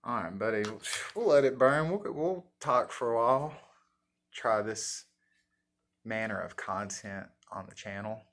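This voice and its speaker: A man with an Appalachian accent chatting casually in a folksy, halting, self-deprecating way, as the host of a guitar vlog. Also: lowish voice, expressive, fairly bright tone. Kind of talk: casual rambling chat.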